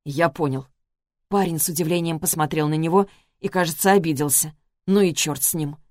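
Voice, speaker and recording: A woman reading a literary story as an audiobook, measured and expressive, close to the mic. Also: sits low, no room sound. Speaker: audiobook narrator.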